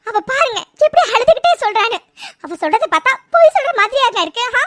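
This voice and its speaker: A woman's voice: extremely high pitch, very animated, quick pace, fairly bright tone, exaggerated voice. A woman voicing a tearful mother who pleads and stammers as she begs another family to accept her daughter's marriage. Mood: pleading.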